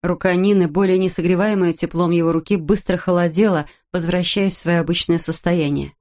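A woman reads an audiobook in a measured, steady manner. Her voice sits somewhat low for a woman. The delivery stays even and unhurried. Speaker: narrator. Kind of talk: audiobook narration.

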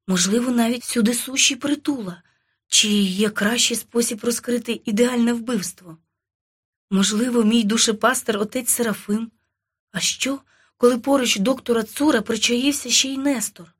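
A woman's voice: on the high side, moderate pace, breathy edge. A woman reading a first-person novel aloud, with tense, ironic, dramatic narration. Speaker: audiobook narrator.

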